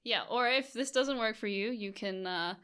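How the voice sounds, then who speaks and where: A woman co-hosts a podcast in a relaxed, chatty way, with a bright, clear tone. She laughs easily and fills her talk with "like" and "you know". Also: fairly high pitch, moderate pace. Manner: chatty, giggly, many fillers. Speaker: podcast co-host. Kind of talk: casual chat.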